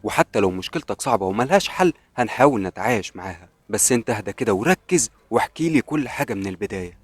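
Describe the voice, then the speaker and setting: A patient, reassuring male psychiatrist with an Egyptian accent, as the storyteller voices him. He talks low and husky at a very fast clip. The sound is close and dry. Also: animated, dry recording. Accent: Egyptian Arabic.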